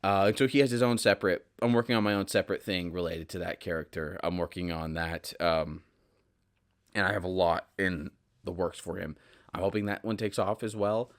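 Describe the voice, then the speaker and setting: A man's voice: low-pitched, steady tone, a little fast. A man hosting his own podcast, talking casually and earnestly with many restarts. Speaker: podcast host. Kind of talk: casual solo podcast talk.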